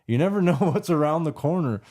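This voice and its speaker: A man's voice: on the high side, lively intonation, fairly quick, mellow. A man hosting a recovery podcast, affirming and encouraging his guest in casual conversation. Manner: encouraging, affirming, many yeahs. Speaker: podcast host. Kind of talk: casual interview chat.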